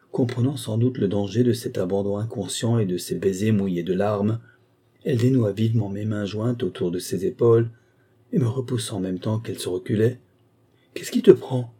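Husky low-voiced male audiobook reader. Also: mellow. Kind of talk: scripted narration of a novel.

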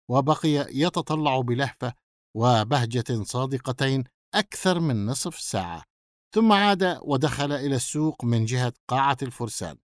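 A man narrating a novel as an audiobook in a measured storytelling manner, recorded on a close microphone. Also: medium pitch, no room sound.

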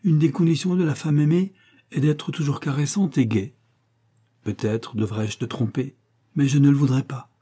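A man's voice: mid-range voice, fairly even intonation, normal speed, warm tone, husky, natural voice. A man reading aloud the tender, moralizing letter of an earnest young wife.

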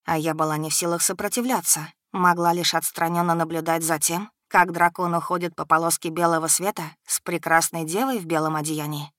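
A woman's voice: lowish voice, fairly even intonation, brisk, few pauses, fairly bright tone, dry recording, studio quality. A woman reading a first-person audiobook in a dramatic, tense storytelling manner. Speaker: audiobook reader.

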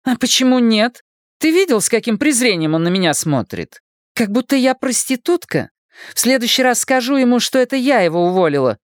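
A man's voice: very animated, a little fast, no echo, clean studio sound. A male reader voicing a tearful, clingy young woman who pleads and sobs in an audiobook. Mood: indignant. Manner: pleading, high and sobbing. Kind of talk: audiobook character voice.

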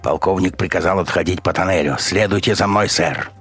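A man voicing a panicked male soldier yelling hoarse, urgent warnings in an audiobook. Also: sits low, fairly quick, soft background music, voice pushed up.

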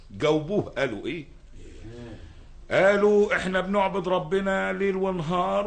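An actor with an Egyptian accent playing a sheikh preaching to children in a radio drama, in a didactic, storytelling way. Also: male voice, fairly high pitch, echoey room, recorded from a distance. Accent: Egyptian Arabic.

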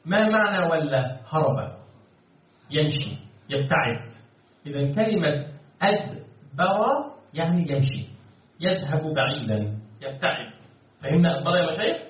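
A man's voice: fairly high pitch, big pitch swings, moderate pace, long pauses, far from the mic. Man teaching from afar in an echoey room, phone-like sound. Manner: repetitive, asks questions and answers them himself. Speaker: sheikh teaching Quran commentary. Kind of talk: classroom explanation with questions to students.

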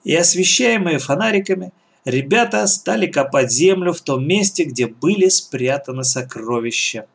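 Male audiobook narrator, slightly high voice, storybook reading. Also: lively intonation, normal speed, creaky. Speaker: audiobook reader. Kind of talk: scripted narration of a children's adventure story.

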